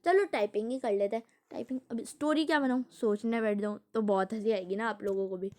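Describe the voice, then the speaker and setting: A woman with a fairly high voice reads a children's picture book aloud and keeps pausing to explain it in her own words. Her talk is chatty and amused, with long roundabout explanations. The recording is dry and close, with no room sound. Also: a little mellow, no room sound. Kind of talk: casual read-aloud with explanations.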